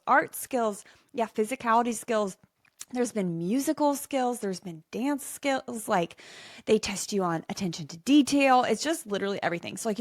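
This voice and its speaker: A woman's voice: medium pitch, dry recording, clean studio sound. A woman hosting a solo podcast, chatting in a bubbly, enthusiastic way with frequent asides. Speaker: podcast host.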